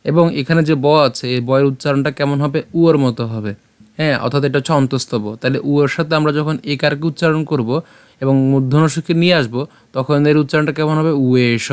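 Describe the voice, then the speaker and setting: A man with a Bengali accent teaching the pronunciation of a chanted verse, breaking it into syllables and saying them slowly. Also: a little high, clear, resonant tone. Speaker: Sanskrit recitation teacher. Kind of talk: step-by-step pronunciation lesson.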